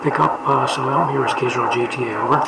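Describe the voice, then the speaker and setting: A man's voice: medium pitch, fairly even intonation, quick pace, creaky. An older man in rambling, folksy casual chat over a ham radio link, with many fillers. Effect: heard over a ham radio link. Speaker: amateur radio operator. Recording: noisy distant radio signal.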